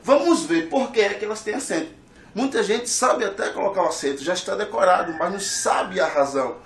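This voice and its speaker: A Brazilian man teaching a grammar lesson, stressing syllables hard and repeating each rule. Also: sits high. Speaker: Portuguese teacher. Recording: echoey room, distant from the mic.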